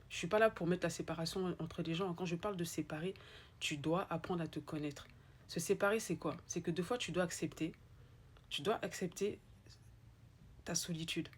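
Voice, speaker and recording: A woman motivational speaker with an Ivorian French accent delivers an emphatic monologue, repeating her points straight to the listener. Her voice is fairly low and slightly rough.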